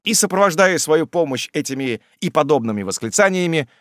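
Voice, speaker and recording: A male audiobook narrator with a fairly high, lively voice, telling the story in a measured, expressive way. The recording is close and dry. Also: no room sound. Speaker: audiobook reader.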